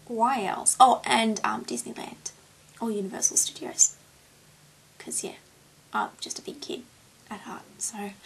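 Aussie girl vlogging, kinda breathy higher voice, rambly chat with lots of ums. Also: a bit bright, poor audio. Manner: rambling and chatty, with many ums. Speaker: beauty vlogger. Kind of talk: casual chat answering tag questions.

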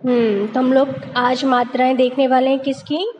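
A woman's voice: sits high, little pitch movement, moderate pace, a little mellow, highs cut off, a little hiss or hum. A woman teaching young children over pictures, patiently asking questions and answering them herself. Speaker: primary school teacher. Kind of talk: narrated lesson over slides for young children.

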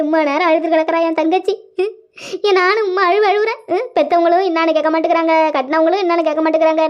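A performer plays a middle-aged cartoon wife who wails and complains at length, her voice pitched very high. She talks fast, and the sound is dull and lo-fi. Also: close to an everyday voice. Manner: crying, lamenting loudly, calling on God. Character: wailing middle-aged village wife, self-pitying. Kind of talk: cartoon comedy dialogue.

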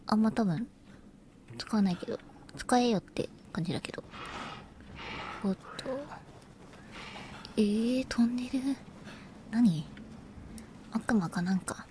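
A woman's voice: fairly high pitch, dark tone. A woman streaming a video game, giving casual commentary, muttering and grumbling, and whispering text as she reads it. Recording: background noise.

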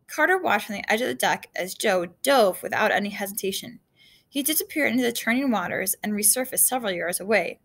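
A woman's voice: mid-range voice, animated, brisk, creaky, fairly bright tone. A woman reading a children's adventure novel aloud, casual, with slips and asides to her listeners.

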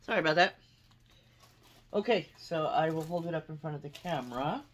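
A woman's voice: sits low, fairly quick. A woman vlogger unboxing her yearly yarn haul at home, chatting unhurriedly and reading out the labels. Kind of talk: casual unboxing chat.

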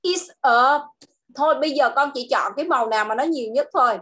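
Vietnamese-accented woman, English tutor on a video call, high bright voice, patient drilling of words. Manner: slow, drawn-out model phrases, switching to Vietnamese explanations. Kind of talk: online English lesson for a child.

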